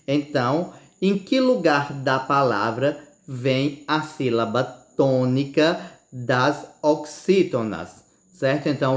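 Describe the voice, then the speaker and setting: Guy teaching a video class, slow and drawn out, keeps asking "certo?", echoey room. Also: mid-range voice. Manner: slow deliberate, stretching key words, frequent "certo?" and "ok?". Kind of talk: recorded video lesson.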